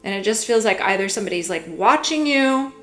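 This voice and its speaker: A young woman giving a casual tarot reading, musing gently and filling her talk with "like" and "you know". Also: mid-range voice, animated, a little fast. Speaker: tarot reader.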